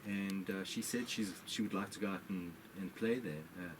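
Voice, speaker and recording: A man, a musician and concert organizer, giving details as a radio guest in a steady, practical way. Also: deep voice, normal speed, background noise. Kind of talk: radio interview.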